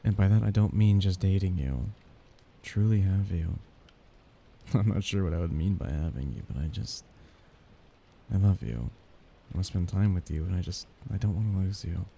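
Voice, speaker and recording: Playing a possessive, doting young mafia heir, this man speaks low and animated in an intimate ASMR romance roleplay. He talks softly and haltingly, with breathy chuckles, sounding earnest and possessive, while a little hiss or hum runs underneath.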